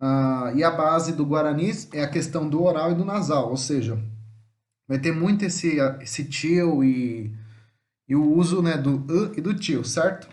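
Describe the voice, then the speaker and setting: Brazilian Portuguese male teacher, slightly high voice, patient explainer for an online lesson, sounds words out slowly. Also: a little mellow. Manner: explains patiently, often checks in with the listener; slowly spells out words syllable by syllable. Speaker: language teacher.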